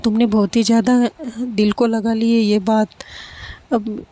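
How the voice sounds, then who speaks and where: Woman voicing an anxious middle-aged mother, fussing, warm mellow voice, read-aloud story. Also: on the high side, little pitch movement, measured pace, no room sound, lightly acted. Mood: worried.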